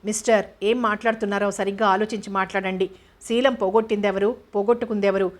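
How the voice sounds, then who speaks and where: A woman's voice: medium pitch, fairly even intonation, quick pace, lightly acted. A woman voicing a proud, defiant young woman. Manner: indignant, forceful. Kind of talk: audiobook character voice.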